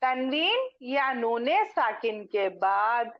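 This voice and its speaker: A woman teaching a Quran recitation lesson, drilling syllables slowly and repeating each one twice. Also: fairly high pitch, big pitch swings. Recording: dull lo-fi sound.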